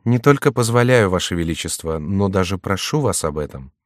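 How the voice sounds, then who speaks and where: A devoted young woman speaking softly and earnestly, as a male narrator reads her lines. The reading stays close to his own fairly low voice. The sound is dry and close. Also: expressive, fairly quick, dry recording. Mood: anxious. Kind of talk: audiobook character voice.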